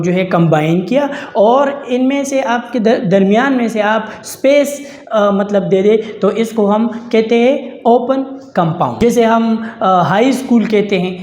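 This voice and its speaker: A man giving an explanatory English lesson, talking haltingly and often pausing on filler sounds to repeat himself. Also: sits high, a little mellow. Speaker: English language teacher. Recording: echoey room.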